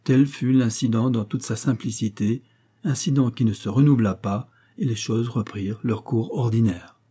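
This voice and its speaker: A man narrating a classic novel as an audiobook with steady, even-paced narration. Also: mid-range voice, moderate pace, breathy edge. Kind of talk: classic novel read aloud.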